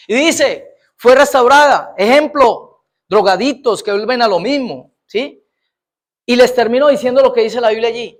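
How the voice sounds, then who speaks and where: Male pastor, very high pitch, sermon cadence with constant "right?" checks and loud-to-soft swings. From Colombia. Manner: preachy, peppering lines with quick "right?" checks to the congregation; swings between loud declarations and hushed asides.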